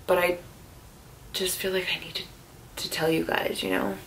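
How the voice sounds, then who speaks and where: A woman's voice: fairly low pitch, little pitch movement, normal speed, a bit bright, a little hiss or hum. A young woman vlogging casually to her viewers, rambling with lots of fillers, tired and emotional, sometimes out of breath. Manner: rambling, filler-heavy, frequent "like". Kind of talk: casual vlog to camera.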